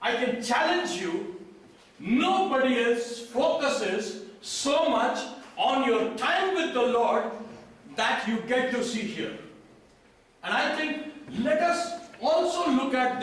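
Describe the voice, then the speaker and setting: Indian man, very high voice, conference speaker peppering the room with questions, distant mic in a booming hall. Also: expressive, slow, fairly bright tone. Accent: Indian English. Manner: quizzes the audience, then repeats their answers. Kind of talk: interactive talk to an audience. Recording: echoey hall from a distant mic, faint noise.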